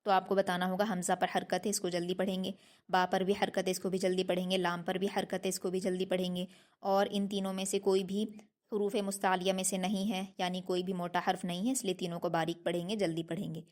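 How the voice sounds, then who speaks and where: A woman's voice: on the low side, level tone, a little fast, a little mellow. Patient woman teaching Quran recitation. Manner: patient, repeats each word three times for learners; explains pronunciation step by step. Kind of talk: online tajweed lesson.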